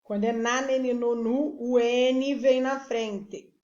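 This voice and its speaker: A woman teacher giving a recorded literacy lesson, slowly spelling words out syllable by syllable. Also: a little high, steady tone, a little mellow. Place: remote classroom video recording. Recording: echoey room, dull lo-fi sound.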